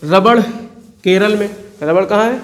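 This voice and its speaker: A man's voice: sits high, a little slow. A male tutor from walks students through exam map work. He keeps asking questions and answering them himself, repeating every place name so it sticks. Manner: repeats key place names for drilling. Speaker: teacher.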